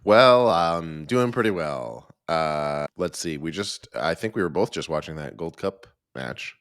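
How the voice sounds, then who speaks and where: A man co-hosting a soccer podcast, relaxed and amused, laughing easily as he chats. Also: sits low, measured pace, smooth. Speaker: podcast co-host. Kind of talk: casual podcast banter and read ads.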